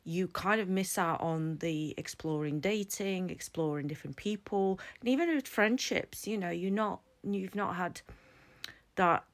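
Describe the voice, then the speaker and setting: A woman in her forties with a deep, low-set voice. She talks to camera in a personal explainer, earnest and reflective, thinking aloud as she goes. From Latvia. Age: 40s. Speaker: vlogger and psychology student.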